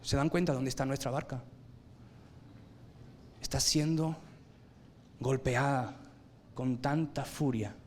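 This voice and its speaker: A man preaching a sermon, swinging from loud emphatic bursts to low quiet lines and asking his listeners rhetorical questions. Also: fairly even intonation, slow pace, pauses often, slight background noise.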